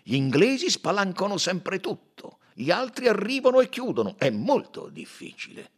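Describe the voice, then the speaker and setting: A man's voice: high-pitched, very animated, moderate pace, breathy edge, voice pushed up, full character voice. A man reading an audiobook, voicing an exasperated older male railway director who sighs and complains. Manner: sighing, complaining.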